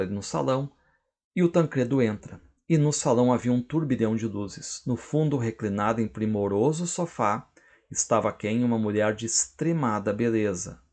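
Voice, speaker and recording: A man with a Brazilian Portuguese accent, a literature teacher, who retells a novel's scenes in a lecture and reads quoted lines with lively emphasis. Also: lowish voice. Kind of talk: lecture with dramatic readings.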